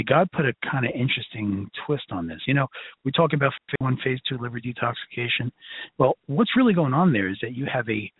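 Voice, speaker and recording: Man, Brooklyn accent, husky voice, informal emphatic lecturer, folksy asides, thin phone-quality sound. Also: mid-range voice, no echo. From Brooklyn, New York. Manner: emphatic, conversational, folksy, checks in often. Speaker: lecturer, health educator. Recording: narrow phone-like line.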